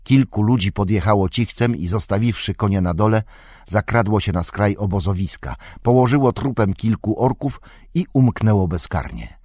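A man narrating an audiobook in a steady, measured reading. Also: lowish voice, slightly rough, no echo, clean studio sound. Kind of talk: scripted narration.

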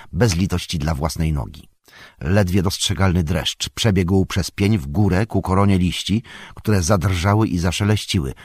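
A man reading a fantasy story aloud in an expressive, dramatic narration. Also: deep voice, breathy edge, dry recording, studio quality. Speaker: audiobook narrator.

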